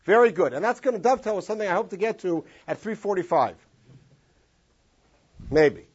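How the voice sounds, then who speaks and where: Animated man teaching with lively high voice. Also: brisk, husky. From Los Angeles. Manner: animated, sings out phrases in long drawn tones. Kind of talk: classroom text study lecture. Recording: dull lo-fi classroom recording.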